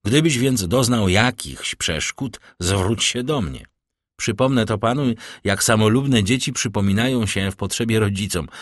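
A man reading the part of a calm, worldly nobleman who speaks with smooth, measured courtesy. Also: on the low side, dry recording, clean studio sound, close to an everyday voice. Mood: courteous. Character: suave worldly nobleman, calm and gently teasing. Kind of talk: audiobook character reading.

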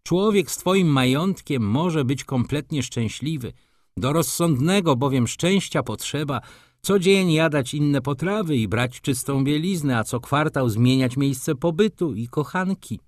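A man's voice: fairly high pitch, expressive, measured pace, dry recording, studio quality, voice pushed up. A man voicing a cynical middle-aged doctor who teases his friends in a sardonic, expansive way, in an audiobook. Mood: mocking.

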